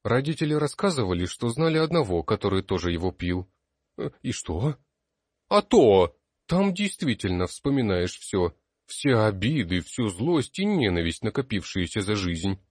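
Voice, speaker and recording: A man's voice: fairly low pitch, very animated, normal speed, slightly rough, dry recording, clean studio sound, voice pushed up. A man voicing an anxious young male student in an audiobook, warning the others urgently and insistently. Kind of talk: audiobook character voice.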